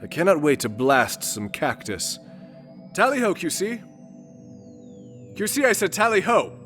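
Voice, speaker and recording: An actor playing a vain, easily exasperated gentleman space adventurer in a comedic audio drama, speaking in florid, theatrical, old-fashioned phrases. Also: sits high, big pitch swings, unhurried, faint music behind, exaggerated voice. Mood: imperious exasperation.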